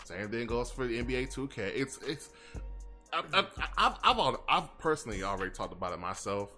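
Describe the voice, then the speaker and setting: A man's voice: mid-range voice, big pitch swings, brisk, sharp tone, faint music behind. A man hosting a casual podcast, laid-back and loose, stumbling over repeated words. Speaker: podcast host. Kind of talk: casual chat.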